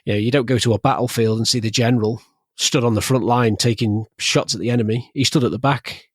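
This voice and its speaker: A man's voice: mid-range voice, steady tone, fast talker, husky, no room sound, clean studio sound. Joking man hosting a podcast. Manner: joking, chatty storytelling with anecdotes. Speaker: podcast host. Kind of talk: casual interview chat.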